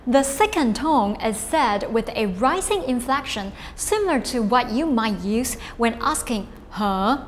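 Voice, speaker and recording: Female language teacher, slightly high voice, very unhurried, clear drill-style delivery. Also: lively intonation, in a large hall, a little hiss or hum. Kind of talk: scripted lesson narration.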